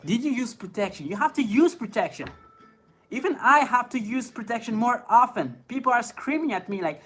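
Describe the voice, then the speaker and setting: An extremely high-pitched, expressive, fairly bright voice comes from a French inline skating streamer reading chat questions aloud at a fairly quick clip. He's a native French speaker with a French accent who hesitates with fillers and laughs often; the phone recording carries faint background music.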